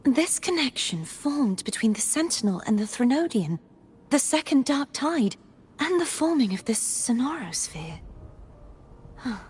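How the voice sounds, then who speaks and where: An actress voicing a youthful holy maiden in video game dialogue, speaking softly, earnestly and formally. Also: female voice, sits high, big pitch swings, measured pace, breathy edge, heavily acted.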